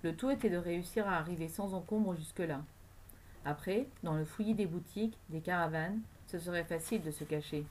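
A woman reading a novel aloud as audiobook narrator, in a steady literary manner. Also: on the low side, a little fast, slight background noise. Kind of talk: scripted narration.

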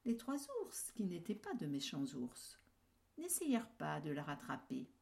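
A woman reading a children's story aloud in an expressive storyteller's manner. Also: low-pitched, measured pace, vocal fry.

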